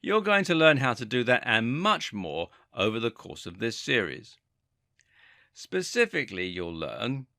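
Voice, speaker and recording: Lively, bright-voiced male course narrator. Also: fairly low pitch, no echo, clean studio sound. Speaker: online course instructor.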